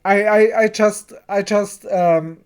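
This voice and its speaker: Slow-talking reviewer, English speaker. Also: mid-range voice, steady tone, a little mellow, smooth. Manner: chatty, stumbling, repeats words, acts out characters' lines. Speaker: TV episode reviewer. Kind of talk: casual recap and review of a TV episode.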